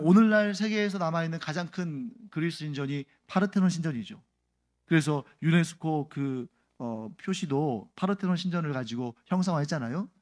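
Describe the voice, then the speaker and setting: A male pastor giving an explanatory Sunday sermon, often putting questions to the congregation. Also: fairly high pitch.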